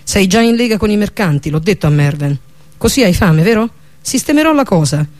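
A man reading the part of a bossy, sharp-tongued female sea dweller in an audiobook, with a mocking, commanding manner. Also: sits high, expressive, a little fast.

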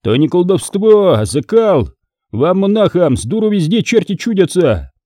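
A man voicing a brash, fearless young smith's helper who shouts and talks back. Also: sits high, very animated, measured pace, no echo, clean studio sound, voice pushed up.

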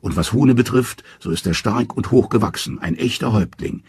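A man's voice: on the low side, brisk, darkish tone, breathy edge, dry recording, studio quality, pitched above the performer's own voice. A man playing a commanding old king of gods. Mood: reasoning.

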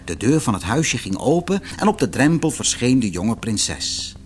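A man reading a fairy-tale audiobook in an expressive, theatrical storytelling manner. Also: mid-range voice, normal speed, faint music behind. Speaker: narrator.

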